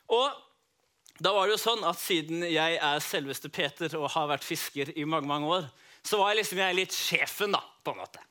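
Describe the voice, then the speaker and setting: A man with a high voice and a bright, forceful tone tells a children's Bible story in the first person. He speaks as one of the disciples and turns to his young listeners now and then. His telling stays lively and dramatic.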